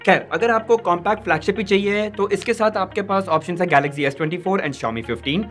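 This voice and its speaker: High-voiced man reviewing a phone. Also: fairly quick, a bit bright, faint music behind. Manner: conversational, mixes English words into Hindi. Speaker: tech reviewer. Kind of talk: casual smartphone review.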